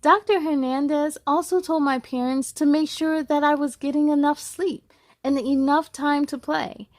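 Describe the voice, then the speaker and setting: An adult woman with a high voice reads a storybook aloud for children, speaking encouragingly and addressing her young listeners directly. Her tone is steady and her speed normal, and the sound is dry with very little room echo.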